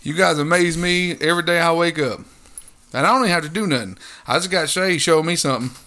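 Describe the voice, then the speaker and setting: A man with a fairly high, sharp, bright voice co-hosts a casual podcast. He banters loudly, swears freely and throws out jokes. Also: fast talker. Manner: loud, joking, profane banter. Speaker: podcast co-host.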